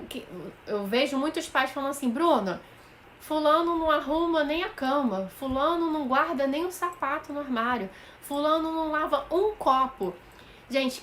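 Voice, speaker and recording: A woman with a Brazilian Portuguese accent talks straight to her live-stream viewers as a child psychologist, with a voice sitting a little high. She lays out practical parenting advice patiently, walking through everyday examples. A faint hiss of noise sits under her voice. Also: a bit bright. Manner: addresses viewers directly, often checks in with "right?".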